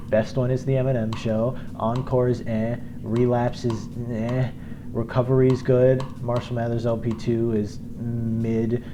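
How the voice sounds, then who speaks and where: A man's voice: mid-range voice, background noise. A young man giving casual gameplay commentary, rambling with many fillers and little chuckles.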